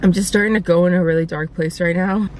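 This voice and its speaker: A woman's voice: lowish voice, fairly even intonation, quick pace, a little mellow, slight background noise. A young woman vlogger talking while chewing, rambling casually to the camera, repeating herself and using lots of filler words. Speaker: mukbang vlogger. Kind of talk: casual confessional chat to camera.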